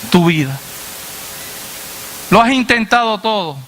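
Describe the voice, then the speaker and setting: A man preacher delivering a sermon to a congregation, asking "what?" and answering himself in a lower voice, addressing listeners as brother. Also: animated, takes it slowly, a bit bright, a little hiss or hum. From Latin America. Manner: call-and-response questions, dropping low on the answer.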